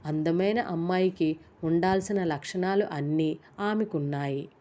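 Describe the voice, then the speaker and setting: A woman with a fairly low voice reads a romantic story aloud, calm and measured, like a storybook narration. Her tone is mellow and dark rather than bright, and her reading stays steady from line to line.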